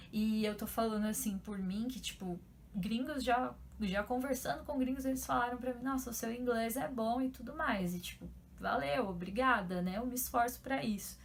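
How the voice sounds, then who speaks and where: A woman's voice: on the high side, slight background noise. A young Brazilian woman with a Brazilian Portuguese accent, talking casually to camera in a vlog, chatty and full of fillers. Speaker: YouTuber.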